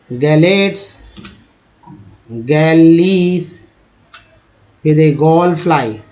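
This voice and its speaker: Male tutor, very slow and deliberate, slightly high voice, spells out and repeats each word; dull lo-fi audio. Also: a little mellow. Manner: sounds out words letter by letter, repeating each one. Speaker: English reading teacher. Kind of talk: slow spoken lesson spelling out word pronunciations. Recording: dull lo-fi recording.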